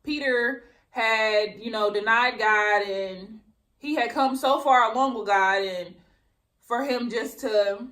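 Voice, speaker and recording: A woman's voice: fairly high pitch, slow pace, a bit bright. Chatty woman vlogger in an echoey room. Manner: chatty, rambling, eats while talking. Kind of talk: casual mukbang chat.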